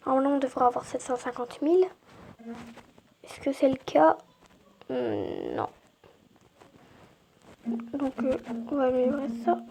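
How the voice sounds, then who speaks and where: Woman gamer, high voice, unhurried, hesitant casual commentary over a noisy recording. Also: wildly swooping pitch, creaky, mellow. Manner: hesitant, filler-heavy, keeps saying "hop". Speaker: YouTuber playing a mobile game.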